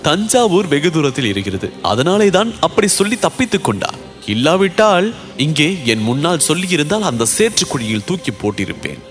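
A man voicing a sharp-tongued mocking young woman. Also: fairly high pitch, very animated, fairly quick, soft background music, voice pushed up. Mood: teasing. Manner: teasing, scornful.

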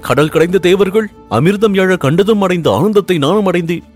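A man voicing an ardent young prince, pitched high. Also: expressive, a little fast, breathy edge, soft background music. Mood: anguished. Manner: earnest, pleading, rising with emotion. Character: young Pandya prince, ardent and anxious lover.

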